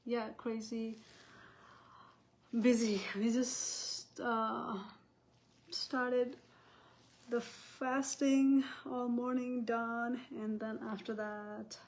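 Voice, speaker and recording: A woman's voice: a little high, level tone, very slow, long pauses, darkish tone, a little hiss or hum. Woman in her thirties, hosting a casual live chat, rambling and talkative. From Nepal. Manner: chatty and rambling, often restarting sentences. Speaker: host.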